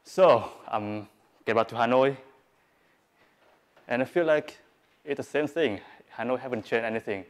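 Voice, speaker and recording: A man's voice: mid-range voice, measured pace, long pauses. A young man, giving a live stage talk in English, hesitant with many fillers and restarts. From Vietnam. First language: Vietnamese. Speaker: presenter. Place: event hall with audience.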